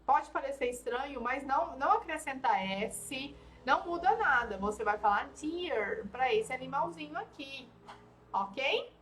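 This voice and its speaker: A woman's voice: high-pitched, animated, unhurried, fairly bright tone, a little hiss or hum. A woman teaching an online English lesson, patiently repeating words and checking in with her students.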